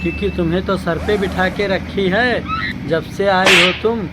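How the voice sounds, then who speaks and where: A man's voice: high-pitched, very noisy. A man voicing a lecturing old cartoon father-in-law. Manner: lecturing, measured, proverb-quoting. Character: older father-in-law, calm, lecturing, moralizing. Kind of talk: cartoon voice acting. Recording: clear background music.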